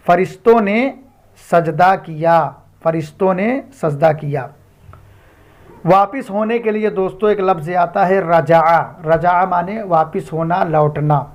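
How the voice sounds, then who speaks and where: A man with a high-pitched voice gives a patient grammar lesson. He reads each example out slowly, repeats it, then explains it, and now and then calls his listeners friends. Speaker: Quranic Arabic grammar teacher.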